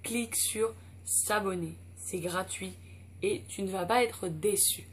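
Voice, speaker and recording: A woman's voice: mid-range voice, slow, a little hiss or hum. A woman vlogger talking casually through an unboxing, hesitant and full of fillers.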